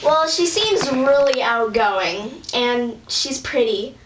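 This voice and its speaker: A woman's voice: fairly high pitch, lively intonation, takes it slowly. A woman playing a cool, slangy guy pet. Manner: offhand, slangy. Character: cool, aloof male bachelor pet. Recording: roomy distant home recording, faint hiss.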